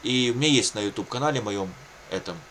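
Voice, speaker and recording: A Russian-speaking man, a video blogger, talks about his own situation to his viewers in a casual, unscripted way, rambling and repeating himself with plenty of colloquial catchphrases. His mid-range voice is fast and a bit bright, with slight background noise.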